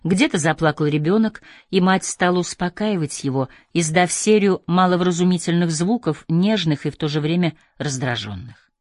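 A man reading an audiobook aloud in a measured, steady scripted narration. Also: a little high, dry recording, clean studio sound. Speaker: audiobook reader.

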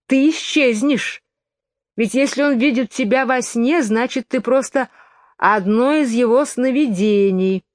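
A woman's voice: a little high, unhurried, no echo, studio quality, voice pushed up, natural voice. A woman voicing a boastful, self-satisfied little twin brother who teases the girl, in a storybook reading. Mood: teasing.

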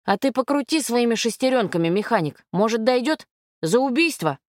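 A woman's voice: a little high, expressive, fairly quick, dry recording, natural voice. A woman voicing a tough male police detective who gives curt, mocking orders, recorded dry and close.

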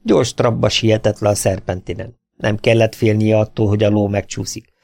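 A male audiobook narrator reads an adventure novel in a steady, even way, with a low, gravelly voice. The recording is dry and close, with no room sound. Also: no echo.

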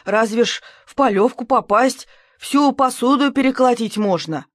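A woman's voice: on the high side, moderate pace, no echo, clean studio sound, close to an everyday voice. Woman doing a mumbling, clumsy gardener. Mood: defensive. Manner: mumbling, muddled. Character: clumsy, slow-witted man gardener.

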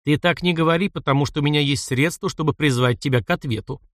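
Brief: scared yet defiant woman played by a male narrator, low and tight. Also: fast talker, no room sound, clean studio sound, natural voice. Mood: tense. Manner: quiet, tense, speaking low. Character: frightened but defiant woman official.

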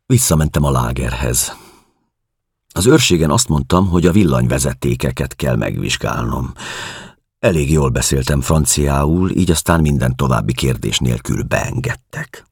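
A man reading a novel aloud in measured, somber audiobook narration. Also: a bass voice, creaky, breathy edge, no echo, clean studio sound. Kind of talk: scripted literary narration.

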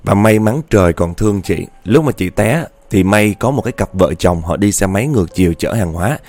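Guy telling a ghost story, lowish voice, chatty and dramatic. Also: expressive, brisk, darkish tone, dry recording. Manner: chatty, dramatic, often addresses listeners directly.

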